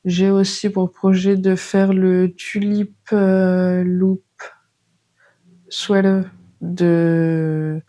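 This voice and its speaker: Woman, knitting podcast host, slow relaxed talk, lots of ums, casual chat. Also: fairly low pitch. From France. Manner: chatty, hesitant, many fillers.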